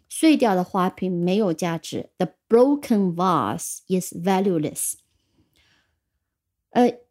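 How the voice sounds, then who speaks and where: This recorded lesson features a woman teaching English words with patience; she spells them out slowly, letter by letter, in a warm voice of medium pitch.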